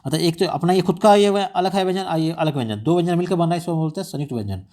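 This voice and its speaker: A man explaining exam material at a brisk, rapid clip. His voice sits a little higher than most men's. He keeps throwing in rhetorical questions and English terms. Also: a little mellow. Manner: repetitive rhetorical questions, mixes English words. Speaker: exam tutor.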